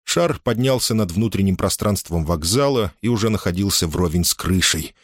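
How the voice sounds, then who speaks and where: Low, lively male audiobook narrator. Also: moderate pace, no room sound, studio quality.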